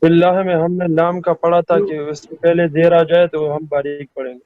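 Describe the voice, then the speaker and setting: A man's voice: a little high, level tone, moderate pace, no room sound, narrow, tinny audio. A man answering his teacher's questions in an online class, in short hesitant replies. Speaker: student.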